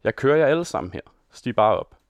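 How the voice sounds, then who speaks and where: A man voicing a drunken, brutal young peasant who bellows loudly at his companions. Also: medium pitch, no room sound, natural voice. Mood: bellowing, brutal. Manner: loud shouting bluster.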